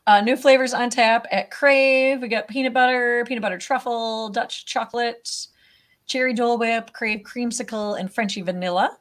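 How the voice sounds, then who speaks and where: A woman's voice: on the high side, fairly even intonation, moderate pace. A woman co-hosting a casual local business roundup, chatting and listing news with fillers.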